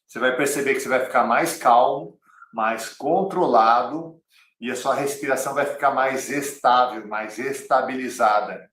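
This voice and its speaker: A man with a Brazilian Portuguese accent teaches an online cycling lesson in a medium-pitched, slightly bright voice at a moderate pace. Like a coach, he is direct and repeats key phrases, recorded on a roomy, somewhat distant mic.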